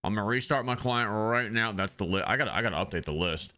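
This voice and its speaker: A fast-talking streamer with a fairly low, sharp-toned voice has the hiccups. Speaking into his desk microphone, he chats loosely with viewers in a casual livestream, rambling and full of ums.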